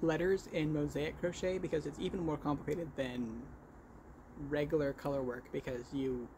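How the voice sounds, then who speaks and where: A man with a fairly high voice and steady tone chats casually, podcast style, as a vlog host showing his crochet work. His stutter repeats and blocks sounds, and he keeps correcting himself as he goes, with background noise in the recording.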